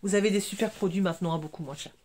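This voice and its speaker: A woman's voice: on the low side, racing, a little mellow, a little hiss or hum. Chatty sniffly woman beauty vlogger. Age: 40s. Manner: chatty and enthusiastic, many fillers. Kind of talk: casual makeup product chat.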